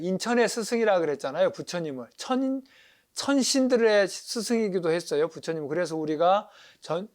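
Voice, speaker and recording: A man, a Buddhist monk, giving a lively lecture on paintings, acting out sounds and asking his listeners questions. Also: high voice. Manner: animated, acts out crying animals, asks audience questions.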